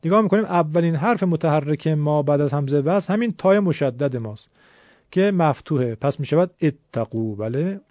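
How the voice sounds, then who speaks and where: A man's voice: on the high side, lively intonation, darkish tone, dry recording. A man teaching Quran recitation rules, explaining patiently step by step and asking his students questions. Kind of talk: classroom-style lesson explanation. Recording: dull, lo-fi dry recording.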